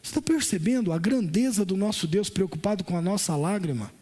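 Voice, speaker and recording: A man with a Brazilian Portuguese accent preaching a Pentecostal sermon at a church service, impassioned, moving between shouted lines and softer ones. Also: high-pitched, animated, a little fast. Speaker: pastor.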